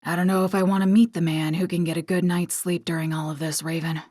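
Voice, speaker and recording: A woman's voice: on the low side, flat delivery, quick pace, a little mellow, no room sound, natural voice. A woman voicing a tired, dutiful male army captain in an audiobook, speaking in a weary, dry way.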